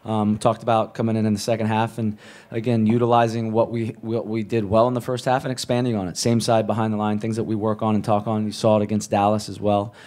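A man with a lowish, warm, relaxed voice fields questions as a head coach after a match. He talks in a measured way, restarting and repeating words while he thinks. His voice comes close on a table mic in an indoor press room. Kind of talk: post-match press conference answers. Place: press room with a sponsor backdrop. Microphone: table mic on a stand.

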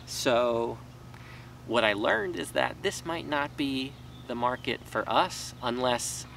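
Standing in a vegetable garden, a man in his thirties who farms on a small scale chats casually for his vlog, wandering a little and using fillers and restarts. He speaks slowly in a medium-pitched, slightly bright voice with vocal fry. Faint outdoor noise comes through because the camera mic is a few feet off.

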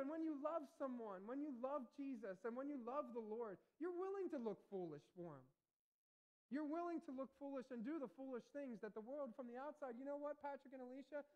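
A man in his thirties preaching a sermon in church as pastor, animated and emphatic, repeating key phrases and asking the congregation questions. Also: sits high, poor audio. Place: church sanctuary.

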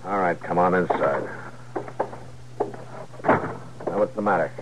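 Marshal Matt Dillon, deep terse American lawman. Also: takes it slowly. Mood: skeptical. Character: steady, skeptical male frontier town marshal. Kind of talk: 1950s radio western acting. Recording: muffled, noisy 1950s radio recording.

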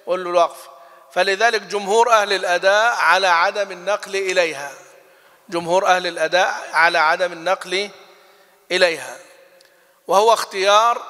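Bright high-voiced man teaching recitation. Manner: explains with questions to students, chants example verses slowly. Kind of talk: classroom lesson on recitation rules. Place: mosque lesson hall. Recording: long reverb of a hall.

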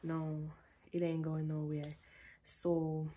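A woman's voice: low-pitched, slow pace, background noise. A woman in her twenties from Jamaica with a Jamaican accent, chatting playfully in a casual Q&A vlog from her bedroom, slipping into patois. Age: 20s. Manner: relaxed, playful, drifts into patois. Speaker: vlogger. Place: bedroom, indoors. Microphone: camera at close range.

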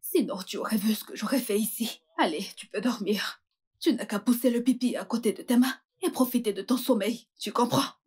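A woman voicing a coarse prisoner from a poor district, taunting her new cellmate in a French film dub. Her voice sits a little high and husky, and she sneers and boasts as she talks. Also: brisk, a little mellow.

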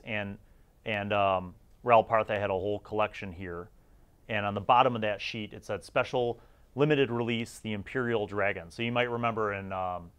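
Here a middle-aged man with a low-leaning but fairly bright voice chats his way through review commentary as host of a gaming series. The tone stays casual and informal, with certain words punched for emphasis.

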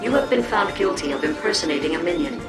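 A woman voicing a calm, formal female station computer that announces orders in a video game. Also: on the low side, quick pace. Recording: roomy distant voice over loud game music.

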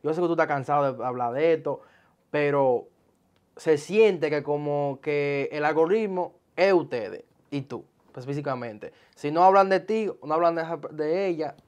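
A young man, hosting a casual interview in a small studio, friendly and animated when he makes a point. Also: on the high side, normal speed. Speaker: podcast host. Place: small indoor studio with sofa chairs.

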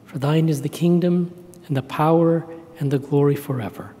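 Solemn pastor praying in a reverberant church. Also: male voice, on the high side, dark tone, slightly rough. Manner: slow, solemn and measured. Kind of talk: prayer and benediction. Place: church sanctuary. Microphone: pulpit microphone. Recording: hall reverb with organ music.

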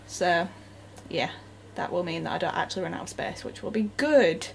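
A woman's voice: on the low side, lively intonation, moderate pace, vocal fry, slight background noise. A woman in her twenties talking casually to her camera at home, rambling and giggling. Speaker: vlogger. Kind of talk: casual vlog chat. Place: at home indoors. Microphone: handheld camera.

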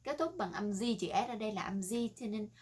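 Woman doing a casual english lesson video, chatty, says words over and over slowly. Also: medium pitch, husky. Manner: often ends phrases with soft tags. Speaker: English teacher.

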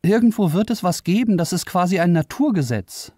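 A man voicing a scornful, excitable young woman researcher who mocks and gets agitated. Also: high voice, a little fast, dry recording, clean studio sound, pitched above the performer's own voice. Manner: mocking, agitated.

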